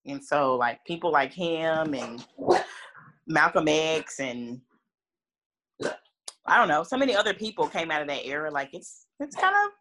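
A woman's voice: deep voice, very animated, measured pace, long pauses, a bit bright, a little hiss or hum. A woman co-hosting a podcast in casual chat, slangy and laughing often. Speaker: podcast co-host.

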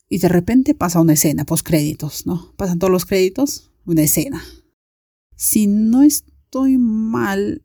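A young woman with a Latin American Spanish accent, hosting a podcast and telling a story in a chatty, animated way. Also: fairly low pitch, dry recording, clean studio sound. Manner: chatty, animated, acts out friends' voices. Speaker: podcast host. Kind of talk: casual storytelling monologue.

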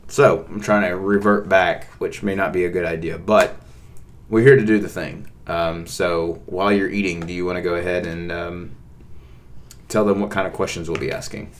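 A man's voice: low-pitched, fairly even intonation, moderate pace, slight background noise. A man, co-hosting a casual couple's podcast, rambling with lots of fillers and repeated words. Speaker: podcast co-host.

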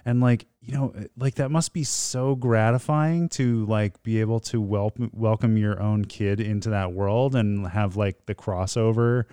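A man with a lowish, smooth voice rambles casually as a podcast guest, restarting his sentences often. He keeps a goofy, easygoing tone. The recording is dry and close on the mic. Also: fairly even intonation, a little slow, few pauses, mellow, dry recording.

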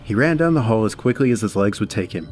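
A man giving a measured, dramatic scripted horror narration. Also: fairly low pitch, lively intonation, darkish tone.

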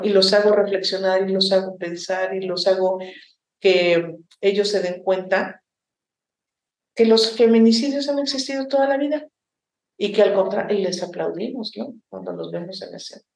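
A woman's voice: mid-range voice, moderate pace, gravelly. A woman theater teacher and director from Mexico, answering interview questions with passion and frequent reflective asides. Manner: passionate, reflective, many rhetorical "¿no?" tags. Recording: roomy echo.

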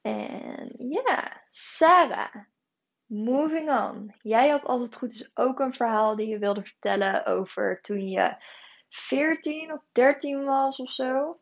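A woman's voice: high voice, slow pace, vocal fry, dull audio. A woman hosting a casual podcast, wrapping up advice and steering to the next story. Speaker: podcast host.

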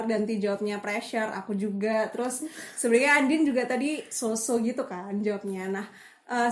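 A woman, co-hosting a casual podcast chat and laughing often. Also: on the high side. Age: 20s. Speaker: podcast co-host. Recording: echoey room.

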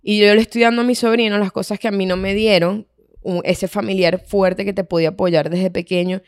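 A woman's voice: medium pitch, fairly even intonation, a little fast, clear, resonant tone, dry recording, studio quality. A young woman with a Venezuelan accent co-hosting a casual podcast, talking candidly with lots of slang. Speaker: podcast co-host. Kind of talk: casual chat.

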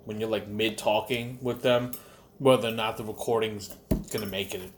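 A man co-hosting a casual chat, rambling and profane, with frequent pauses. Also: on the low side, steady tone, background noise.

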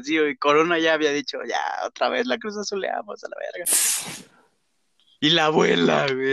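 A man's voice: fairly high pitch, pushed and bright, dry recording, dull audio. A man with a Mexican accent chatting playfully in slang and swearing as a football podcast co-host. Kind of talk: casual football banter.

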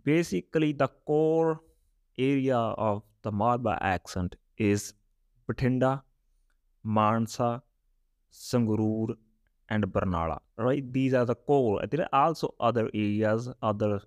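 A young man from Punjab, India, with a Punjabi accent, hosts a casual spoken podcast teaching Punjabi. Chatty and speaking slowly at medium pitch, he keeps checking in with "right?" and "all right?" between points. The recording has no room sound.

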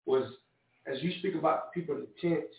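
A man's voice: on the high side, quick pace. A man co-hosting a casual group chat among truck drivers. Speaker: podcast co-host, truck driver. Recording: very echoey, distant, narrow lo-fi sound.

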